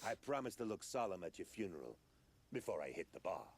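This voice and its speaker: A low, husky game character, a cynical battered mercenary. His delivery is wry and grim, rising and falling expressively with dry sarcasm. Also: sing-song, fast, heavily acted. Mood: sardonic, resigned. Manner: sardonic, dry. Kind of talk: video game dialogue acting.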